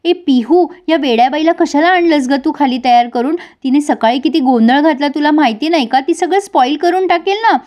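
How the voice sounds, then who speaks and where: A woman's voice: sits high, moderate pace, hardly any pauses, a little mellow, close to an everyday voice. A woman voicing a pushy, jealous young woman who talks in a whiny, coaxing way. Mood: shrill.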